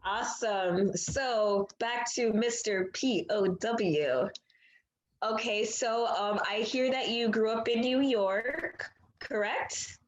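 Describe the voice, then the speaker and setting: A woman's voice: fairly high pitch, slow, echoey room, low-quality recording. A woman interviewer asking questions in a friendly, casual way with many fillers.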